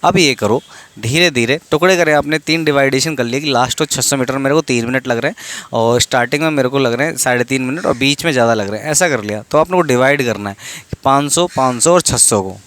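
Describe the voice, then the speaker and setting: A man's voice: medium pitch, fast, fairly bright tone. A young man talking casually, giving practical training advice and often checking in with the listener. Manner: informal, repeats "theek hai", restarts words. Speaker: exam coaching vlogger.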